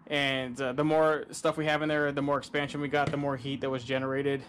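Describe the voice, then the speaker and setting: In a flat, fairly bright, medium-pitched voice, a slightly fast-talking father walks viewers of his boat-building channel through his work step by step. He films on a wearable camera at an outdoor driveway workshop beside a boat, keeping things practical and relaxed, with slight background noise.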